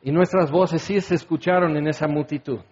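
A man preaching a sermon in an expressive, conversational way; dull lo-fi recording. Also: fairly high pitch, fairly quick. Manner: expressive, conversational, acts out quotes.

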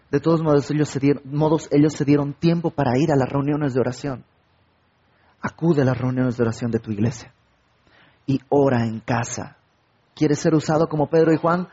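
A man's voice: fairly high pitch, dark tone, breathy edge, highs cut off. A man preaching a sermon, asking his listeners questions and acting out little everyday conversations. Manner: rhetorical questions and acted-out everyday dialogue.

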